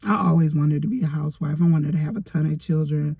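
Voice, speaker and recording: A woman's voice: deep voice, quick pace, warm tone, husky, dry recording, lo-fi sound. A middle-aged woman chatting casually in a rambling storytime vlog, filled with fillers, recorded on a phone in her parked car. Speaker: vlogger.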